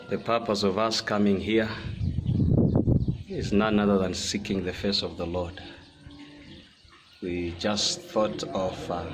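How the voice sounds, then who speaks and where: Male vlogger, unhurried and deliberate, speaking from a cave over clear outdoor noise. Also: deep voice. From Kenya. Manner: slow, deliberate, halting delivery. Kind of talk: informal spoken vlog address. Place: inside a cave on a mountain. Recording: noisy outdoor recording, birds and ambience.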